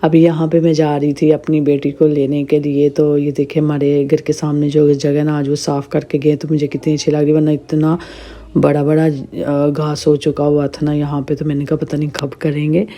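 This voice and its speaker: A woman in her thirties with a sore, slightly hoarse throat, chatting through a casual vlog voice-over. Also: sits low, monotone, normal speed, mellow. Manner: chatty, rambling storytelling. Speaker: vlogger narrating her day.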